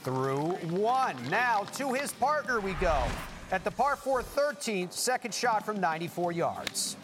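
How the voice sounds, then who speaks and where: A man working as a golf commentator, hosting highlights in punchy, presenter-like short phrases. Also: big pitch swings, a little slow, over music.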